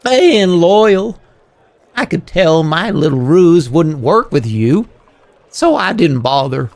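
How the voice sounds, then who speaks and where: A man's voice: fairly high pitch, sing-song, slow pace, no echo, exaggerated voice. A man voicing a squat, fearful game creature, a reluctant fortune teller who talks hesitantly and evasively. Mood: weary, evasive. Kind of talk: voiced game character on a livestream.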